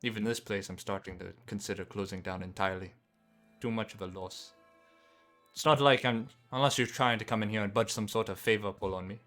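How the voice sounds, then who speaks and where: Weary forties garage boss, brisk and blunt, voiced by a man in a tabletop game. Slightly low, bright voice. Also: steady tone, faint music behind, lightly acted. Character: jaded male garage owner, early forties. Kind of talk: tabletop role-play.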